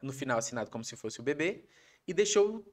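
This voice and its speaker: A Brazilian man, a podcast guest, telling a personal story in a casual, animated way, acting out his wife's lines. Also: mid-range voice, quick pace. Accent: Brazilian Portuguese. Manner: animated, acts out quoted voices of his wife.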